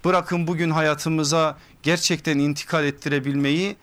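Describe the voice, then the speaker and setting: A man preaching from a pulpit microphone, giving an earnest, measured religious lesson that builds to emphatic repeated phrases. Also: a little high, steady tone, a bit bright. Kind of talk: sermon-style lecture. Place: pulpit in a mosque or lecture hall.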